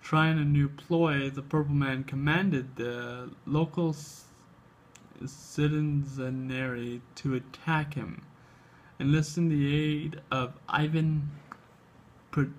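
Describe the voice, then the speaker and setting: A man hosting a comic book show, reading aloud haltingly with casual asides, his speech slightly tripped up by an overbite. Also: medium pitch. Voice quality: slight speech impediment from an overbite, tongue flicking at upper lip. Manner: halting reading, stumbles and repeats words.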